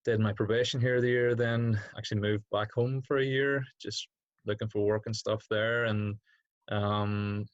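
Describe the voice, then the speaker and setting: A young secondary school PE teacher from Derry, Northern Ireland, gives casual, reflective answers as an interview guest, hesitantly feeling his way through each thought. His voice is lowish, with no echo and dull-sounding audio.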